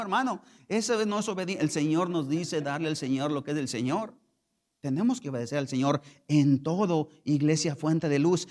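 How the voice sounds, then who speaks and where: A man's voice: fairly high pitch, darkish tone. A man preaching a Spanish-language sermon as pastor, questioning the congregation and reading scripture with rising emphasis. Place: church sanctuary.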